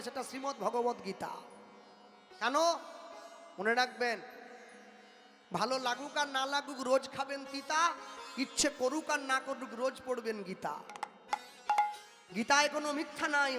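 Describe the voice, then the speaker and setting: High bright-voiced preacher. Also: male voice, normal speed, long pauses. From West Bengal, India. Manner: impassioned, declamatory, rhythmic rhyming delivery. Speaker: kirtan preacher. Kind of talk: devotional sermon. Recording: reverberant hall with faint music.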